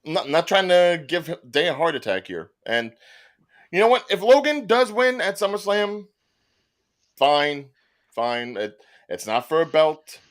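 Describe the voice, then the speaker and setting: Guy hosting a wrestling podcast, voice jumps all over, jokey and animated. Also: a little high, measured pace. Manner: animated, joking. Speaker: podcast host. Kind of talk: casual wrestling panel talk.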